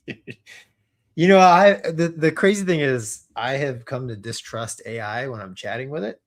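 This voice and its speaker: Man, co-host, casual chat, frequent laughter, animated delivery, mid-range pitch. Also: measured pace. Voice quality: laughs often, loose and animated.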